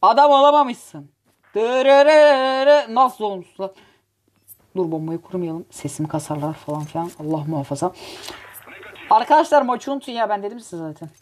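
With a fairly low pitch and a fairly quick pace, a woman provides lively, joking commentary on her gaming channel. She taunts the players she's up against and swears at them.

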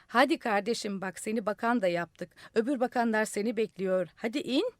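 A woman voicing exasperated officials who call up loudly and plead with a man on a roof, read in a radio studio. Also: a little high, fairly quick, no echo, lightly acted. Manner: loud, pleading, calling out.

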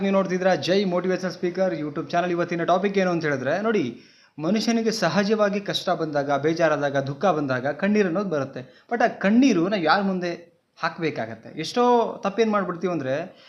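A man with a Kannada accent delivers an earnest motivational talk, repeating his advice point by point. His voice sits fairly high for a man. The recording sounds dull and lo-fi. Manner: earnest, repetitive, instructive, mixing English words. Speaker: motivational speaker.

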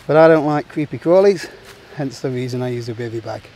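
A man in his forties calmly talking through a camping setup, step by step, in an open meadow outdoors. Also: mid-range voice, fairly quick, slight background noise. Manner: plain, matter-of-fact instructional talk. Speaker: outdoor gear vlogger.

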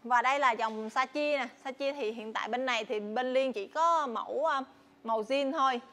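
A young woman with a southern Vietnamese accent giving a casual, chatty sales walkthrough, often pausing and repeating words. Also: fairly high pitch, a bit bright. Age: young adult. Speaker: motorbike shop saleswoman presenting stock. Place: large tin-walled motorbike warehouse. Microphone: clip-on lapel mic.

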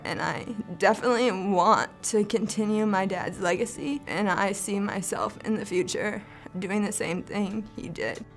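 A young woman speaking heartfelt and casually in an interview. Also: medium pitch. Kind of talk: interview testimony.

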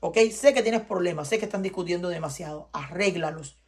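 Husky Cuban woman reading tarot. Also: lowish voice, a little fast, a little mellow. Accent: Cuban Spanish. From Cuba. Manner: emphatic, preachy, repeats herself. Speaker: tarot reader. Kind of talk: tarot reading addressed to viewers.

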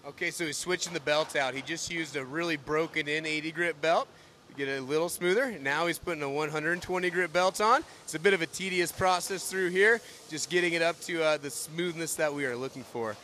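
Bright-voiced man explaining factory work. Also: fairly high pitch, fairly quick, a little hiss or hum. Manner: knowledgeable, steady, plain. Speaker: factory manager explaining production. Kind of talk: technical explanation.

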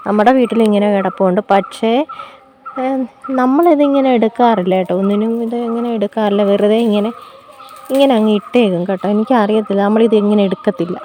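A woman's voice: mid-range voice, mellow, slight background noise. Chatty woman vlogging outdoors. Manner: chatty, keeps prompting viewers to look, playful mock laments. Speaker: homemaker and vlogger. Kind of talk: casual walk-and-talk vlog. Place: outdoors in a home garden.

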